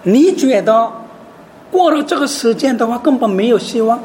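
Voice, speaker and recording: Lively woman preaching a sermon. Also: fairly high pitch, normal speed, slight background noise. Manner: animated, asks rhetorical questions, mixes in English words.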